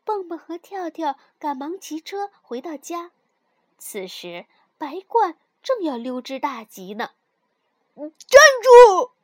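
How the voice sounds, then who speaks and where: A woman telling a bedtime story to children in a slow, soothing, expressive way. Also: high-pitched, dry recording, clean studio sound.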